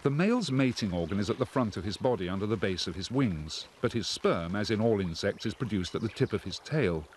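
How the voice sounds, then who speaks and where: A man reading scripted nature documentary narration in a measured, explanatory way. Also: fairly low pitch, animated, slight background noise.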